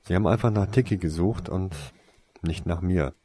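A man voicing a calm, easygoing young wizard boy with a dry manner. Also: low voice, moderate pace, husky. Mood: relaxed. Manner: relaxed, dry.

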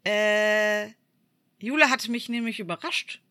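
A woman from Germany co-hosting a podcast in casual chat. She tells stories in a lively way, acts out what people said, and uses many fillers. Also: medium pitch, slow. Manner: lively storyteller who acts out quoted voices, many fillers. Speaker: podcast co-host.

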